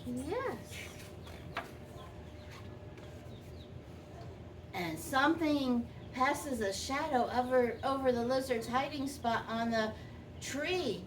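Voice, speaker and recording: A woman voicing a sweet, gentle old granny who tells a children's story expressively, lingering on and repeating words. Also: sits high, slow. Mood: tender wonder. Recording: distant microphone, faint background noise.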